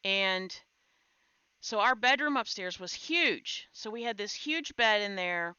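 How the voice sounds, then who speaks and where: A woman hosting a live stream, telling a funny story in a casual, animated way and laughing along. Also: medium pitch, slow pace, smooth, no room sound, muffled recording. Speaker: stream host.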